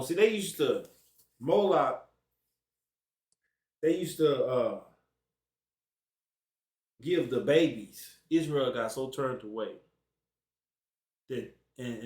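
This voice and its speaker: A man's voice: mid-range voice, slow, pauses often, darkish tone. A man teaching a Bible study in a casual preaching style, reading scripture aloud and explaining it in loose everyday slang. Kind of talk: informal Bible study sermon. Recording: echoey room, distant from mic.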